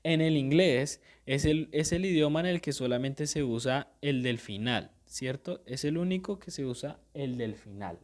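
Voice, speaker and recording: A man of middle pitch teaching a grammar lesson at an unhurried pace. He checks in with his students after almost every point and restates ideas so they stick. Now and then he stops to correct a word mid-sentence. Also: lively intonation. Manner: patient, checks in with "¿listo?" and "¿cierto?" after each point; repeats and restates points slowly, with small self-corrections.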